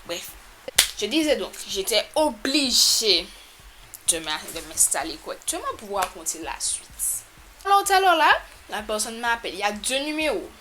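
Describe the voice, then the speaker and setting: A woman telling a storytime to her camera in a casual, animated, exasperated way, with sudden loud jumps in pitch. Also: normal speed, noisy background. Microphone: camera mic.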